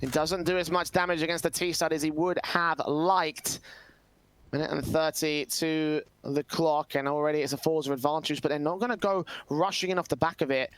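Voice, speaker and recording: A man calling a live esports match as play-by-play commentator, quick and building to excited shouts. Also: fairly high pitch, clean tone. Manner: rapid, rising to excited shouts at big plays. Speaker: esports caster.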